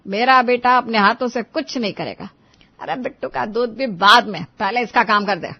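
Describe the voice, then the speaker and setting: A sharp-tongued older mother-in-law in a cartoon moral tale, forever scolding and taunting. Her voice sits fairly high, and the audio is muffled and a bit lo-fi. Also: normal speed. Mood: angry. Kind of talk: animated story voice acting.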